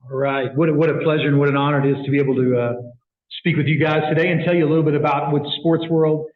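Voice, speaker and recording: Fast-talking man, echoey tinny recording. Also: on the high side. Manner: animated storyteller with frequent fillers and restarts. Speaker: guest speaker for a sports outreach ministry. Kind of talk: storytelling speech to a club. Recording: echoey room, tinny phone-like sound.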